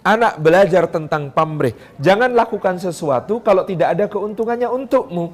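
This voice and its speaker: A male preacher delivers a sermon to parents. His voice sits high, and he talks in a lively, conversational way, often acting out examples. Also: fairly quick. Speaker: Islamic preacher.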